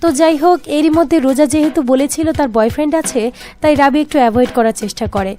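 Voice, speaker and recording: High-voiced woman recapping a film. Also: warm tone. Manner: brisk, plain storytelling that slips into each character's lines. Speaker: movie recap narrator. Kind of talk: storytelling movie recap with voiced dialogue. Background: faint background music.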